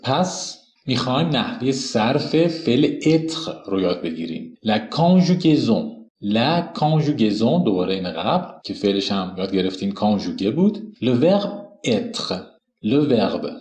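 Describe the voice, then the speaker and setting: A man teaching a recorded lesson at a whiteboard. He explains each point and spells out conjugations slowly, one form at a time. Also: lowish voice, darkish tone, echoey room. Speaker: French teacher.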